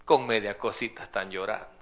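A man's voice: lowish voice, steady tone, fairly quick. A man preaching a sermon as pastor in a church. He speaks emphatically, repeating his points and firing off rhetorical questions. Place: church sanctuary.

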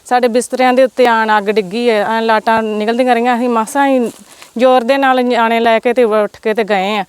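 A young village woman with a Punjabi accent from the Majha region pours out her account, distressed and circling back over the same points. Her voice is high and smooth, recorded dry and close. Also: fairly even intonation, brisk, no room sound. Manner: distressed, repeats herself, addresses interviewer as brother. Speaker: fire victim interviewed. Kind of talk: emotional testimony. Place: outdoors in a village.

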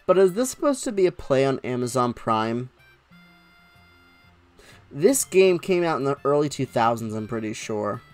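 A woman's voice: extremely low pitch, big pitch swings, normal speed, long pauses, darkish tone, faint music behind. A woman giving casual, joking let's-play commentary on a game. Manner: chatty, joking. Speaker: gameplay commentator.

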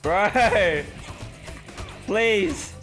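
A man hosting a gaming video, giving live commentary on a fighting-game match with excitable yells, groans and laughs. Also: sits high, very slow. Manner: excitable, yelling reactions and groans. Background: game music.

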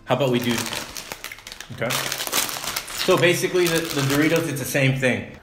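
Chill young guy from LA chatting over snacks, mid-pitched voice. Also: moderate pace, roomy sound, noisy background. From Los Angeles area. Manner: laid-back, enthusiastic about snacks. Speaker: vlog co-host. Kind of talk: casual food tasting chat.

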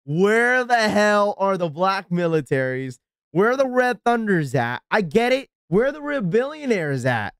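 A man's voice: sits high, sing-song, a little slow, fairly bright tone, clean tone, no room sound, studio quality. A man live-streaming, reacting in an exasperated, ranting way and thanking subscribers as he talks to his viewers.

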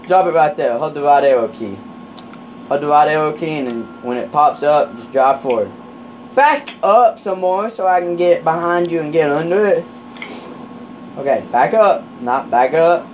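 A man chatting casually while playing a trucking game with a friend, rowdy, swearing a lot, with loud excited outbursts. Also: a little high, moderate pace, a little hiss or hum, rough recording.

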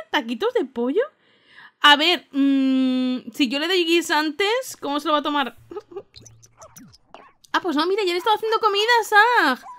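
A young woman with a Spain Spanish accent giving casual let's play commentary, expressive and exclamatory, often laughing. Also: high voice, a little slow, long pauses. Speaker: gaming youtuber.

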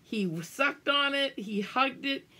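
This storybook reader is an older woman whose high, bright voice carries a forceful, expressive tone as she slowly works through a picture book for young children. She leans hard on exaggerated emphasis and chats warmly to her audience in between, all indoors in a small room at home.

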